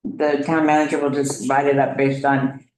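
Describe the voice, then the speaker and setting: A man on the town council, briskly clarifying a motion during the meeting. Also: medium pitch, little pitch movement, darkish tone, slight background noise. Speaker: council member. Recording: roomy meeting hall.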